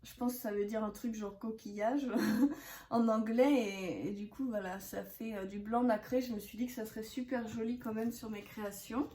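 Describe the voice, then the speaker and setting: A woman in her thirties showing her craft purchases in casual chat to camera, talking with many hesitations and soft laughs. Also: fairly high pitch, steady tone, normal speed, roomy sound. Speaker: scrapbooking vlogger.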